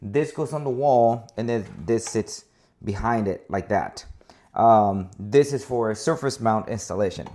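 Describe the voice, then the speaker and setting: A man with a lowish, dark voice speaks at a measured pace as he gives a casual, unscripted walkthrough of a product he installs. He hesitates and often corrects himself, repeating words, and the recording is noisy with clicks and handling clatter.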